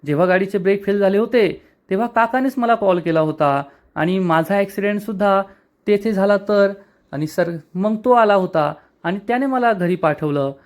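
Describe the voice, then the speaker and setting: A man voicing a quick-tempered, irritated young woman who snaps back, retold in a serial recap. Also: high voice, close to an everyday voice. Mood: firm. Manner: snappy, exasperated.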